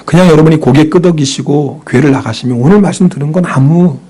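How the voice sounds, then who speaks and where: A male pastor preaching in a slightly raised, husky voice. He throws questions to the congregation and answers them himself, then falls to a hush for inner thoughts. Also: fairly high pitch, fast. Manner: drops to a whisper for inner thoughts. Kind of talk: sermon.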